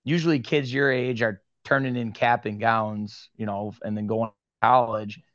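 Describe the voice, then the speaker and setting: A man's voice: medium pitch, dry recording, lo-fi sound. A young man with a Western New York accent, telling stories as a guest in a casual interview. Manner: animated storyteller, quick asides. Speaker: podcast guest, sports card media host.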